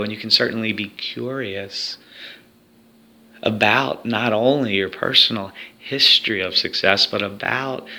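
A man's voice: lowish voice, vocal fry, sharp tone. A man leading a guided hypnosis recording for athletes, speaking in a soothing, repetitive hypnotic way.

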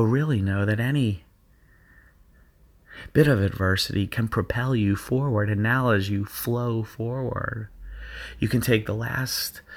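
A man with a low, gravelly voice leads a guided visualization for athletes. He speaks in a slow, soothing, hypnotic rhythm and keeps repeating phrases so they settle in. The pitch sits low and a rough fry runs through his words. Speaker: sports performance coach.

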